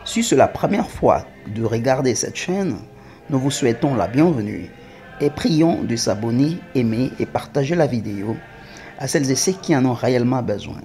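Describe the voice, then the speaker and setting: A man teaching French spelling, reading words slowly and spelling out syllables, with faint music behind him. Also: medium pitch, lively intonation, warm tone. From Congo (DRC). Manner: spells out syllables, slow and emphatic. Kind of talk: slow, deliberate French reading lesson.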